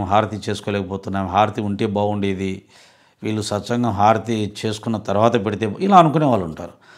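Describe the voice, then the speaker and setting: Earnest man giving a devotional talk. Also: medium pitch. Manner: earnest, explanatory, asks rhetorical questions. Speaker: satsang speaker. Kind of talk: devotional scripture discourse.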